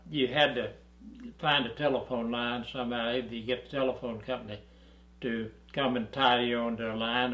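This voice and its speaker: In a reminiscing interview, an Arkansas man in his eighties shares stories from his life, unhurried, dry and wry, with the occasional chuckle. His middle-pitched voice is a bit bright and echoes roomily in an indoor studio with a dark backdrop.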